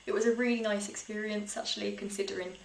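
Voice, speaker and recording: A young British woman talks to camera in a casual, vlog-style way, telling personal stories with little laughs woven into her sentences. Her mid-range female voice stays steady and quick, with some vocal fry. The room is echoey, and faint noise sits in the background.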